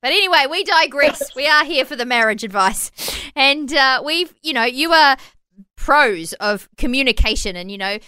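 A woman's voice: high-pitched, lively intonation, normal speed, bright, forceful tone, clean tone, no room sound. An Australian woman co-hosting a casual radio chat in a playful, chatty way. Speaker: radio co-host.

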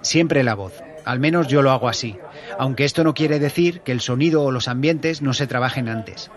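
Man calmly explaining his craft. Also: mid-range voice. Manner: measured, explanatory. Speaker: podcast host and audio drama director. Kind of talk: answering listener questions.

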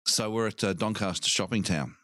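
A man co-hosting a podcast, telling a childhood story in an animated way and breaking into laughing shouts. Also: lowish voice, a little fast, no echo. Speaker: podcast co-host. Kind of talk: casual storytelling chat.

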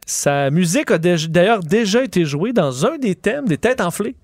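This is a man with a Quebec French accent hosting a chatty radio show. His voice sits high and swings widely as he quizzes and teases the others. The sound is close and dry. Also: very animated, normal speed, no room sound. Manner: teasing, quiz-style questioning. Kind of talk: casual banter on a morning show.

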